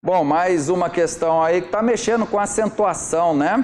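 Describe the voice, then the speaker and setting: A man's voice: high-pitched, moderate pace, a little mellow, slight background noise. A man teaching exam prep, working through questions step by step and often checking that listeners are following.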